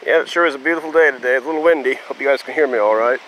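A man's voice: medium pitch, racing, fairly bright tone, poor audio. A man casually vlogging outdoors on a farm field, talking in a plain, easygoing, rambling way while working with a phone camera. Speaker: homesteader vlogger. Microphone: phone camera held while working. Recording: heavy wind noise on mic.

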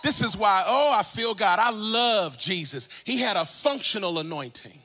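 High, bright-voiced preaching man. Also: lively intonation, moderate pace. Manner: call-and-response preaching, swinging from soft asides to sung shouts. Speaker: pastor. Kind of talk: sermon. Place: large church sanctuary.

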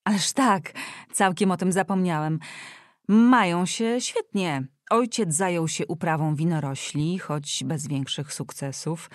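Audiobook: woman reader doing a young man, dry and ironic, lowish voice. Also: no room sound. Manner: dry, ironic, politely joking. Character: young nobleman, wry and easygoing. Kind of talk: audiobook character reading.

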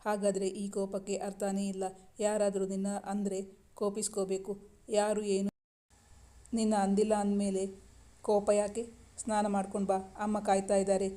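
A woman's voice: medium pitch, monotone, normal speed, long pauses, dark tone, close to an everyday voice. A woman reading the lines of an affectionate, teasing young husband in a storybook romance, in a coaxing, playful way. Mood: soothing.

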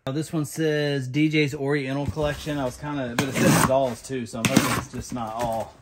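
A man, chatting excitedly and rambling as he unpacks boxes in a cluttered storage room. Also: medium pitch, brisk, very noisy. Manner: excited, rambling, talks to viewers as y'all. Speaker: storage unit reseller host. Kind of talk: casual unboxing chat.

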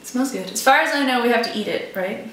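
A woman's voice: a little high, lively intonation, fast talker, fairly bright tone. A young woman chatting casually as a giggly, nervous challenge vlogger in a home kitchen. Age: young adult. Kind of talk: casual chat. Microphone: camera mic a few feet away. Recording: echoey kitchen, far mic, background noise.

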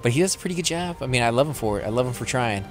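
A Texan-accented man hosts a casual let's-play, chatting and rambling as he games. His mid-range voice is expressive and he's quick to laugh, with music playing in the background.

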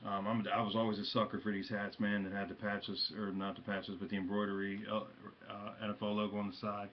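A man casually showing off his hat and jersey pickups from his room at home, talking haltingly with lots of ums and uhs and slangy shout-outs, and he has the hiccups. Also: on the low side, flat delivery, lo-fi sound, slight background noise. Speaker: hat and jersey collector vlogger. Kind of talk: casual show-and-tell vlog.

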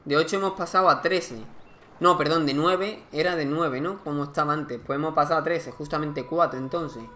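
Man, gaming commentator; higher-pitched, chatty, thinks aloud. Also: brisk, fairly bright tone, a little hiss or hum. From Spain. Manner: chatty, thinking aloud, counting units and resources. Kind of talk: casual let's-play commentary.

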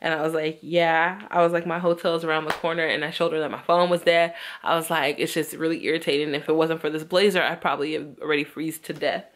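Young woman vlogging, telling a story all animated and doing voices, swears a bunch, voice a bit low. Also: fast talker, few pauses, slight background noise. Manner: animated, acts out quoted voices, swears freely. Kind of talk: casual storytelling vlog.

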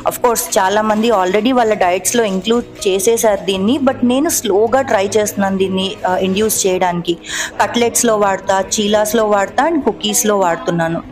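A woman's voice: mid-range voice, fairly quick, darkish tone, soft background music. A woman in her thirties or forties narrating her cooking vlog in a chatty, explanatory way, explaining each step as she goes. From Telugu-speaking India. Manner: chatty, explanatory, mixing English words into Telugu. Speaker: cooking vlogger. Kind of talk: voice-over narration of a cooking video.

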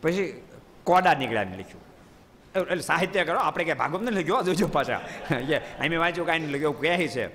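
Preacher, lively storyteller. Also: male voice, fairly high pitch, fast talker. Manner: lively, questions the audience, playful asides. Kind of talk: devotional storytelling sermon. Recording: long hall reverb.

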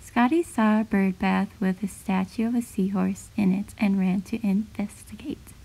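A woman narrating a children's bedtime storybook at a medium pitch. Her reading is gentle, clear and steady. It sounds like a read-aloud. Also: normal speed, rough recording.

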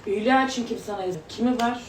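A woman's voice: fairly high pitch, rapid-fire. German-turkish woman arguing casually, pushy, echoey room, bit far from mic w some noise. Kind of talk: heated casual group argument. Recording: roomy, distant, noisy pickup.

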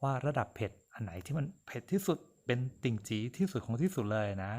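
A man's voice: mid-range voice, animated, quick pace, a little mellow. A man giving a casual language lesson, patiently repeating each word and explaining it with polite endings. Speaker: Chinese language teacher.

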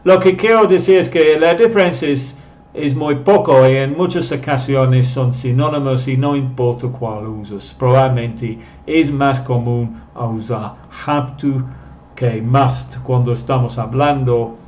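Slow, patient male teacher. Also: mid-range voice, a little mellow, slight background noise. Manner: patient, explains step by step and reads out viewer comments. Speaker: English teacher. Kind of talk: live online lesson.

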